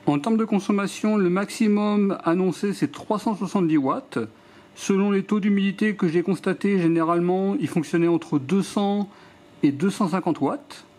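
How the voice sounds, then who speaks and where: A French man calmly walking through a product test off camera, reading out measurements one by one in a matter-of-fact way. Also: high voice, normal speed. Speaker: DIY product reviewer. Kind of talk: hands-on product demonstration voice-over.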